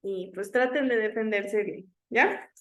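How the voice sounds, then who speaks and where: A woman teaching an online class, lecturing and checking in often with her students, sometimes slowly sounding out speech sounds to demonstrate them. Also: mid-range voice, fairly bright tone. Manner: checks in with frequent "¿ya?".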